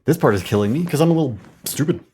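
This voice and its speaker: A man's voice: mid-range voice, animated, racing, darkish tone, breathy edge, faint music behind. A man streaming a game, chatting casually in a blunt, offhand way. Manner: blunt, offhand, says "dude" a lot. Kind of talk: casual gaming stream chat.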